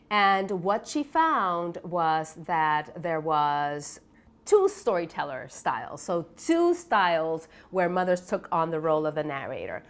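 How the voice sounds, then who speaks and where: Being interviewed about developmental psychology, her field of research, a lower-voiced Peruvian woman from Lima sounds reflective and a bit bright. She explains things in a halting way, often tacking on questions that invite agreement.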